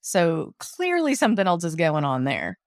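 Lower-pitched woman, emphatic TV chat. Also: moderate pace, no echo, studio quality. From American South. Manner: animated, emphatic, opinionated. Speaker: podcast co-host. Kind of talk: casual TV recap chat.

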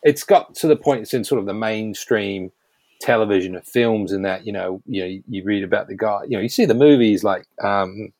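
Frank, low-voiced New man. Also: brisk, a little mellow, no echo. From New Zealand. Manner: frank, emphatic, swears casually. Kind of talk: casual conversational podcast chat.

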